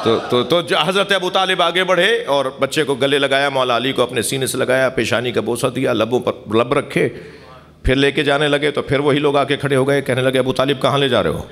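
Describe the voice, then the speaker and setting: A man's voice: mid-range voice, steady tone, gravelly, fairly bright tone. A man preaching a mourning sermon, telling a religious story and calling the gathering to recite blessings. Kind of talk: Shia majlis sermon. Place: imambargah hall.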